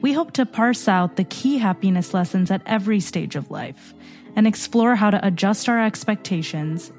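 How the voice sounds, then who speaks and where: A woman's voice: mid-range voice, expressive, normal speed, darkish tone, faint music behind. A woman in her twenties, a podcast producer and co-host, asking curious questions and reading introductions. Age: 20s. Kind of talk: interviewing and scripted introduction.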